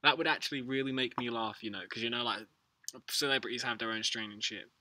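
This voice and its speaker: A man's voice: mid-range voice, steady tone, quick pace, pushed and bright, no room sound. A British man chatting casually as a livestream host, with a laid-back, slangy, sweary stoner way of talking. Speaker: livestream host answering viewers. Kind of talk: casual rambling chat.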